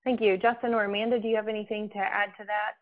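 A woman's voice: medium pitch, level tone, quick pace. Woman moderating a webinar over a tinny line. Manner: polite, reads questions aloud.

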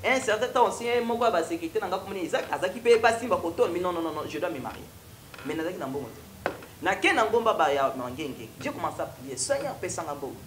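A man's voice: sits high, animated, quick pace, fairly bright tone, echoey room, slight background noise. A young man with a Congolese accent, a prophet telling his testimony in a TV studio interview, switching between French and Lingala. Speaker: prophet guest. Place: TV studio with stone wall backdrop.

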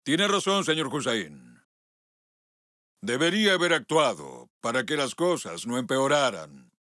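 An ashamed middle-aged father, apologizing slowly with a very lively, rising and falling bright voice. The recording is dry and close. He speaks in a dubbed film. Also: mid-range voice, no echo. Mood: apologetic. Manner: apologetic, measured. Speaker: voice actor in a film dub.

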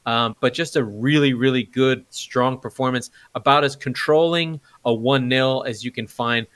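A man's voice: mid-range voice, normal speed, a bit bright, no room sound. A middle-aged man giving casual, analytical match commentary, repeating phrases for emphasis. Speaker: football pundit and co-host. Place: indoors at home, video call.

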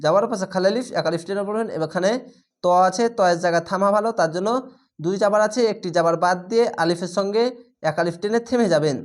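Instructor for a recitation lesson, mid-pitched, who spells out letters and then drawn-out chants each word. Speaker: Quran reading teacher.

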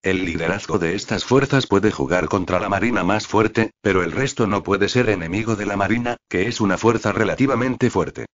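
A man with a low voice narrates an audiobook at a steady, even pace, adding little expression to the reading. The recording sounds dull and lo-fi, as if the top end were rolled off. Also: fairly quick, hardly any pauses.

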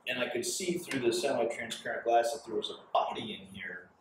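Host guy telling a story all animated, sounds distant, faint hum behind. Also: mid-range voice, brisk. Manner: animated storyteller, gestures a lot. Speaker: podcast host. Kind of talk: conversational interview. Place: small bar with signed walls, indoors. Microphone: far camera in the room. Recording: very echoey room from far off.

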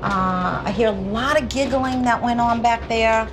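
A woman's voice: on the high side, unhurried, background noise. A middle-aged woman, a psychic medium, declaring her visions like a fortune teller as she walks through a space. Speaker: psychic medium, host of a haunting show. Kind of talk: spiritual reading while walking through a space. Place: old New York apartment building, city street at start. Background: background music.

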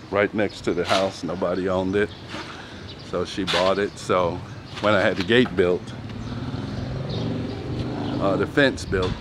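A man with a very deep voice narrates a walking tour of his property at an unhurried pace. He talks in a loose, rambling way, filling gaps with "you know". The phone recording is made outdoors, with street, animal and vehicle noise clearly heard behind him. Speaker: vlogger giving a property tour. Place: outdoors on a street and yard in the sun. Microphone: handheld phone camera.

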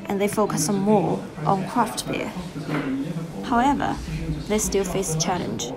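A woman reading a scripted documentary voice-over in a careful, steady way. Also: mid-range voice, slow, over loud music, rough recording. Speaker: narrator. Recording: voice-over with loud background noise.

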